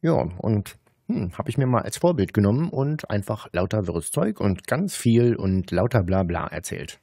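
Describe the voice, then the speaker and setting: A man's voice: lowish voice, sing-song, normal speed, creaky, warm tone, no room sound, clean studio sound. A man giving casual, mocking commentary as a host, with a sarcastic, colloquial way of talking. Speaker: host of scam-baiting recordings.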